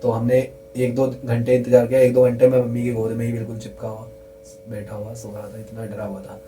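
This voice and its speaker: A young man earnestly recounts a true scary story in casual conversation, repeating himself for emphasis and hushing his voice at the tense moments. His mid-range voice is delivered completely flat and at a brisk pace, with soft music in the background and a rough recording.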